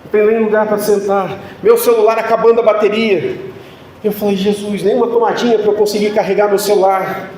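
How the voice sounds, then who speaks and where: A man's voice: sits high, flat delivery, fairly quick, darkish tone, a little hiss or hum. A man preaching a sermon as pastor, telling a humorous, self-mocking personal story. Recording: echoey room sound.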